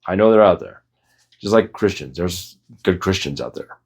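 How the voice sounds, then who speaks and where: A man's voice: low-pitched, lively intonation, moderate pace, husky. A man hosting a solo podcast, reflecting candidly in a casual, rambling way with frequent restarts. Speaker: podcast host.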